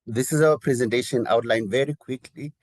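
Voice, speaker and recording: A man giving a webinar presentation as a health program advisor, his voice groggy from a coming flu, measured and listing points with small restarts. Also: medium pitch, no echo. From Zimbabwe.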